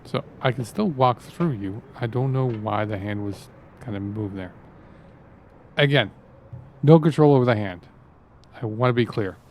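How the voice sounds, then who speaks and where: A man with a Canadian accent, French his first language, hosts a game stream in a loose, rambling way. His pitch sits in an ordinary middle register, and faint noise hums under his voice. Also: normal speed, long pauses, darkish tone. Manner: rambling, explains at length to the viewers. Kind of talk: casual live-stream commentary.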